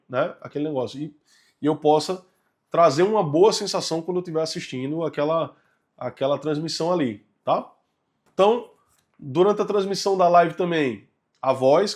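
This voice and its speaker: A man's voice: on the high side, darkish tone. A man giving a recorded video lesson, talking to viewers in a conversational way and checking in with them often. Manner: conversational, addresses viewers directly with frequent "né?". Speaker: course instructor.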